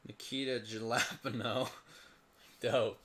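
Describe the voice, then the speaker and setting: A hoarse, tired teenage boy commenting on a simulated lacrosse league late at night, rambling and mumbling with self-pity between plays. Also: medium pitch, level tone, slow pace, pushed and bright. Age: teens.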